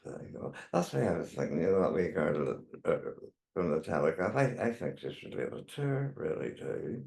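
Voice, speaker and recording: Older northern irish guy, low voice, chatting and rambling through old stories, echoey room. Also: very animated, normal speed, vocal fry, darkish tone. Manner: rambling, chatty storytelling with repeated tags. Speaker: interview guest, veteran drag queen. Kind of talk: casual reminiscing chat.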